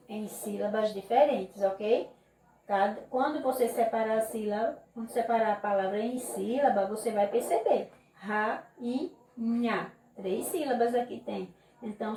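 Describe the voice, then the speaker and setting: A primary school teacher with a Brazilian Portuguese accent records a remote class lesson, explaining slowly and patiently and often asking "ok?" to check in. Her voice is fairly high and warm, her explanations drawn out in a classroom manner. The room echoes and the mic sits at a distance.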